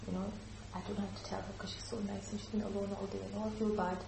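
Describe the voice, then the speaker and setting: Female workshop trainer, animated, acts out examples; distant, echoey room recording. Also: mid-range voice, very fast, creaky, noisy background. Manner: lively, acts out example speakers. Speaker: teacher trainer.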